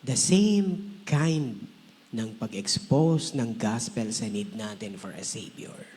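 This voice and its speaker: A man's voice: mid-range voice, animated, takes it slowly, a little mellow, breathy edge, big-room sound. A man pastor preaching a conversational sermon, mixing English phrases in and acting out quoted voices.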